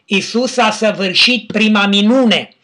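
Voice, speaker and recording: A man preaching, reading scripture aloud and citing chapter and verse in a measured teaching manner. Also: sits high, bright, forceful tone.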